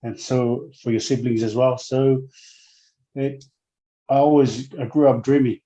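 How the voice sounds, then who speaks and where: A man's voice: mid-range voice, steady tone, a little slow, mellow, muffled recording. A man in his forties from Samoa, speaking in a casual interview as a guest, hesitant and full of fillers and restarts. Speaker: guest, former rugby player.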